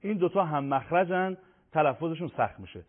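A man teaching a Quran recitation lesson on tajweed rules, explaining in a measured way and slowing down to recite and spell out each example. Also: fairly high pitch, lively intonation. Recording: tinny phone-like audio.

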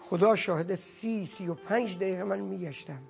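A man's voice: high-pitched, gravelly. A man from Iran telling an emotional religious anecdote and acting out the dialogue with feeling. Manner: heartfelt, acts out quoted dialogue. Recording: dull lo-fi sound with faint music.

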